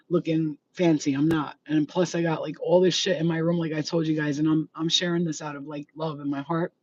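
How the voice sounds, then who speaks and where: A woman's voice: low voice, darkish tone, slightly rough. Blunt profane New woman in her forties. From New York. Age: 40s. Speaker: spiritual healer and reader. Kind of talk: casual rant to viewers. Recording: slightly dull, faint background noise.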